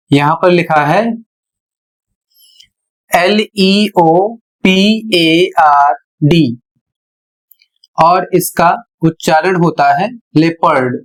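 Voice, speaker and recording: Slow, deliberate male teacher. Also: a little high. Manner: slow and deliberate, spells words letter by letter. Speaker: English teacher. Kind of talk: explaining spelling and pronunciation lesson.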